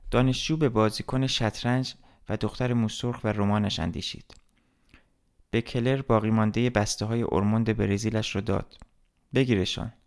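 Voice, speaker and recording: A man reads a literary story aloud in a steady, measured audiobook style. His voice sits low, with a gravelly fry running through it. The delivery stays even and unhurried from line to line. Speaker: narrator. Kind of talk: audiobook narration.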